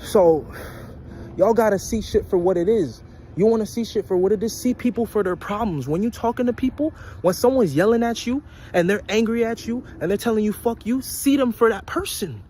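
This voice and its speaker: A man's voice: high-pitched, brisk, mellow, slight background noise. A young man giving a blunt, profane motivational rant to his viewers, repeating his points and preaching about intelligence and life lessons. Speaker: vlogger.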